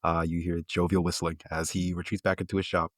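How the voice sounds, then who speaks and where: A man narrating as game master in a tabletop game, relaxed with many fillers. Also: low-pitched, a little fast, no room sound, clean studio sound.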